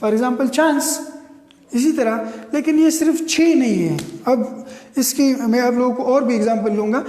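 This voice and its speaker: Male pronunciation teacher, high mellow voice, drills words with questions; long hall-like reverb. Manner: repeats words and asks the class rhetorical questions. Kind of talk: classroom lecture. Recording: echoey room with long reverb.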